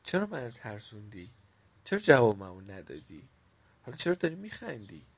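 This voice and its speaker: A man's voice: on the low side, very animated. A man voicing a worried, caring old village woman in a storybook reading, lifting his voice a little for her. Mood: anxious.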